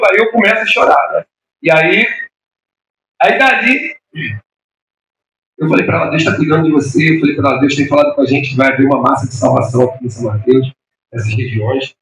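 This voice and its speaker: A male pastor delivering an impassioned sermon, telling a story and climbing to shouted peaks, recorded in a church. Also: on the high side, roomy sound, distant mic, a little hiss or hum, rough recording. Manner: impassioned preaching, voice rising to shouts. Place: church hall.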